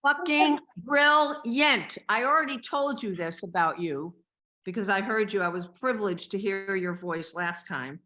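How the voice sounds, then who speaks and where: A woman's voice: mid-range voice, pushed and bright, poor audio. A woman in an online workshop giving effusive feedback, stumbling over her words with many restarts. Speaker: workshop participant. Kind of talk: casual feedback. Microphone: video call.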